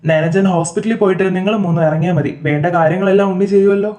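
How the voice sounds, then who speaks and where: A man voicing an older father and uncle who speaks gently and sounds worried. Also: high voice, steady tone, rapid-fire, lightly acted. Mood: calm. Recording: soft background music.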